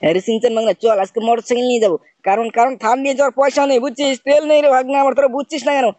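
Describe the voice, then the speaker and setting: Gamer guy, quick high chatter, nagging uncle bit, dry close mic. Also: fairly even intonation, a little mellow, no room sound. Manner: scolding, repeats "bujhchhis?". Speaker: gaming channel host. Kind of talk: playful commentary over gameplay, playing the uncle.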